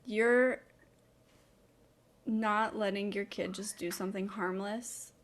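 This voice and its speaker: A woman's voice: medium pitch, steady tone, slow, crowd noise. A young woman from North Dakota co-hosting a podcast over a video call, reading listener messages and joking crudely with a lot of laughter. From North Dakota, United States. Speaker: podcast co-host.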